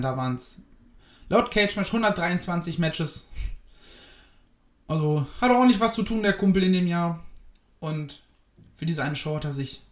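A man's voice: a little high, reverberant. A man giving a casual spoken review of a wrestling show, hesitant and rambling with many fillers.

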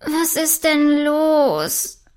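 A woman plays young princess, lively and caring, high bright voice. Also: measured pace.

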